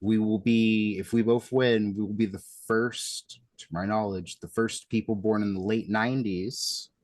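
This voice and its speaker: A man's voice: low voice, darkish tone, dry recording. Young man hosting a video-call chat. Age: young adult. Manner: chatty, rambling with restarts. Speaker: host. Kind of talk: casual video-call interview. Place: small room at home.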